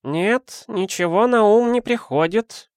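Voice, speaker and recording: Old aristocratic countess, man reading; high, measured and composed. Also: no room sound, studio quality. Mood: calm.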